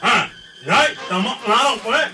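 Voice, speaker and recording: A man's voice: extremely high pitch, lively intonation, unhurried, bright, forceful tone, pitched above the performer's own voice, heavily acted. A man voicing a defiant rival male ox-cart driver who has a nasal speech impediment and mocks and challenges the other driver. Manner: mocking and challenging.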